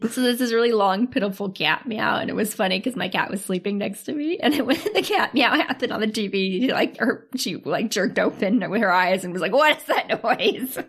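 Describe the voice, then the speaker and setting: A woman's voice: medium pitch, fairly quick, few pauses, slightly rough. A woman co-hosting a podcast, casually recapping a drama and acting out the characters' lines with frequent laughter. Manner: laughs often, acts out quoted voices. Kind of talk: casual chat.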